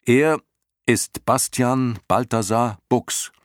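A man voicing an eager, brave boy hero in an audiobook, pitched well above his own deep voice and pleading earnestly. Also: slow pace, no room sound, clean studio sound, lightly acted.

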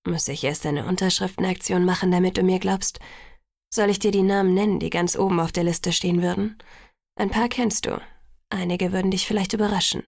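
Brief: whispered role-play, a soft-spoken young suitor, low and silky, creaky edge, put on by a woman. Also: fairly even intonation, a little fast, no room sound, studio quality. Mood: teasing. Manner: hushed, silky murmur.

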